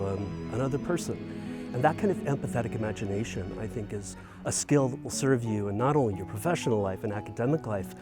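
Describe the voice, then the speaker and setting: A middle-aged man gives an earnest, thoughtful interview outdoors. His voice has an ordinary pitch. Music plays clearly beneath him. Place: outdoors by a wooden building. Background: background music.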